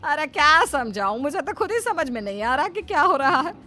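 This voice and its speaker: A woman's voice: sits high, sing-song, brisk, pushed and bright, heavily acted. A woman voicing a jealous older mother-in-law in a cartoon story, grumbling and scolding. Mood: complaining. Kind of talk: cartoon voice acting.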